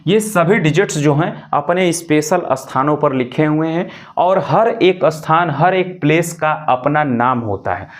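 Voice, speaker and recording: A man teaching decimals as a maths teacher, patient and repetitive, often checking in with the class. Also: on the high side. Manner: patient, repeats points, frequent "ठीक" check-ins. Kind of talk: classroom lesson explaining decimals.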